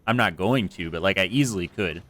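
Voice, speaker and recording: A man with a low voice and a fairly bright tone talks briskly while streaming a game from home, soft music playing underneath. He rambles casually into a close desk mic with a foam screen, full of fillers and self-deprecating asides. An air conditioner runs in the room.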